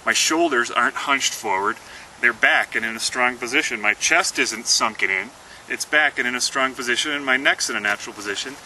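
A man, the inventor, presenting and demonstrating his product in an earnest pitch, talking through each movement. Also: bright, forceful tone. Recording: slightly distant mic, faint outdoor noise.

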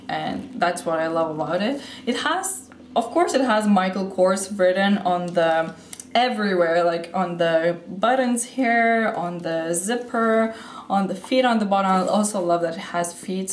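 This beauty and fashion vlogger, a young woman in her twenties, is chatty and eager as she shows what's in her bag, a little breathless and gushing. Her mid-range voice is a bit throaty from a cold. She's indoors in a sunny room at home, close to a camera facing her; the audio is reverberant with a little hiss or hum.

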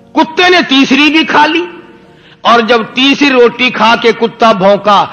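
A male preacher telling a moral story in an impassioned sermon, with rhetorical questions and drawn-out emphasis. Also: very high-pitched, gravelly, bright, forceful tone. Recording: long hall reverb.

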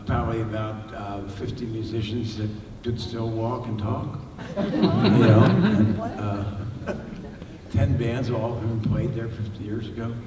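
An older man answering audience questions on a panel, halting with many fillers and restarts. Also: fairly low pitch, fairly even intonation, a crowd in the background. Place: large library hall with audience. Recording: echoey hall, distant mic, noisy.

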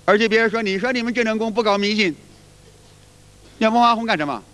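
A man's voice: high-pitched, quick pace, pushed and bright. A man giving a folksy, repetitive spoken lecture as a qigong teacher, now and then demonstrating chants aloud. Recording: reverberant hall.

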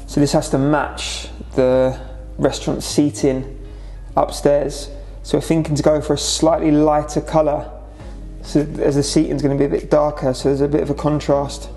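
With a fairly high, dark voice, vocal fry, and little pitch movement, a young Englishman walks a camera through his restaurant's renovation in a large indoor space at a moderate pace. As owner, he keeps it casual and matter-of-fact, leaning on "so" and "obviously," as faint music plays behind.

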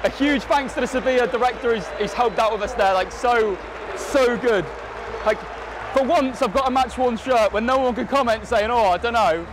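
A man in his twenties vlogging excitedly and casually outdoors at a football stadium. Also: very high voice, moderate pace, noisy background. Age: 20s. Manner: excitable, calling out over crowd. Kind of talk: casual excited vlog chat. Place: open-air football stadium, pitchside. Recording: loud stadium crowd, outdoors.

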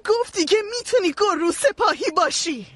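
A stern accuser who lays bare a sister's scheme, her high voice rising in indignation. It is dubbed dry and close to the mic. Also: expressive, dry recording. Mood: indignant. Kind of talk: Persian dub of a TV drama.

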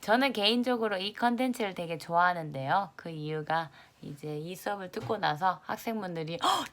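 A young woman teaching English in an online lesson, lively, stressing the English words loudly and acting out her students' reactions. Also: deep voice.

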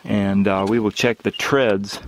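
A man narrating outdoors on site as he takes and explains measurements, calm and explanatory with frequent fillers. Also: lowish voice, a little slow. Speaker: field researcher measuring radiation. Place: outdoors in overgrown field. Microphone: handheld camera mic. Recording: loud clicking noise behind. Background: Geiger counter clicks.

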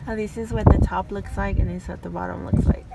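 A woman's voice: medium pitch, steady tone, fast, vocal fry, distant mic, very noisy. A woman in her thirties making a casual vlog in a parked car, talking to viewers while her fingers pull her lips apart. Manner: chatty, addressing viewers directly. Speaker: vlogger. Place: parked car outside a school.

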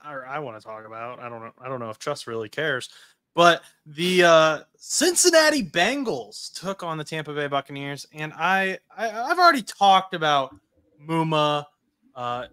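A man's voice: a little high, sharp tone, clean tone. A man co-hosting a sports podcast, chatting casually about football news with frequent fillers and restarts. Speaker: podcast co-host.

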